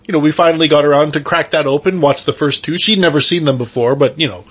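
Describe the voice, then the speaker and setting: A man's voice: on the high side, fast, slightly rough. A man co-hosting a podcast in casual chat, talking in a rambling, conversational way. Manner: rambling, conversational, often saying "like". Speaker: podcast co-host.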